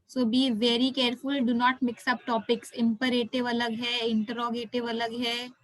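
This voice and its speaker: A woman's voice: fairly high pitch, level tone, quick pace, no echo, poor audio. A woman with an Indian accent teaching an interactive online class as a language teacher, encouraging and full of praise, often repeating herself. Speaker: French teacher.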